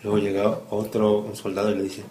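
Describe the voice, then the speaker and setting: A man's voice: on the low side, completely flat delivery, brisk, warm tone. Father telling a bible story. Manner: storytelling, asks the child questions, acts out quotes. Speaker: father homeschooling his child. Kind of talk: bible story lesson for a child. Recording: echoey room, faint noise.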